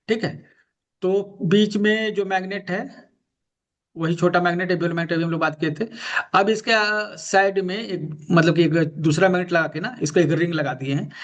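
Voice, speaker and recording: A man teaching an online class on magnet therapy, patiently repeating key terms and directing a student. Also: sits high. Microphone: video call. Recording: dull lo-fi call audio.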